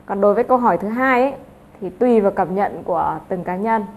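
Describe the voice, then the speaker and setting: A woman's voice: mid-range voice, animated, fast talker, darkish tone. A woman teaching an English lesson, explaining step by step with frequent filler sounds.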